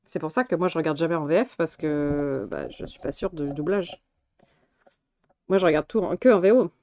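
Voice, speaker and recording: A woman's voice: low-pitched, normal speed, mellow. A woman streamer chatting casually about films on a live stream, rambling, swearing and laughing often. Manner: chatty, rambling with restarts, reacting to chat.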